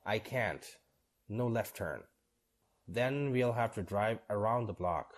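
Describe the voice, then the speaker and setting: Slow, low-voiced man reading practice dialogues. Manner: reads both sides of short dialogues in a steady, measured way. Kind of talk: scripted dialogue reading for learners.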